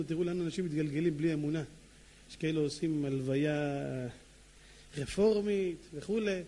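Male preacher, high voice, theatrical storytelling, sermon, animated delivery. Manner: animated, theatrical, joking asides.

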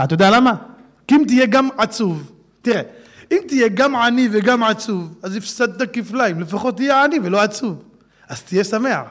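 A religious speaker with a high voice delivers an animated sermon to an audience. He drops to a hush, then breaks into loud, laughing exclamations.

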